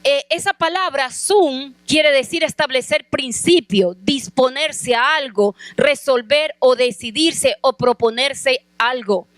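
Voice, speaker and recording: A woman with a high voice preaches as a pastor's wife, sharing a personal story in earnest. She asks her listeners questions directly. The sound is dry and close, with little room echo. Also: slow pace, hardly any pauses, fairly bright tone. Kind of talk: sermon with personal testimony.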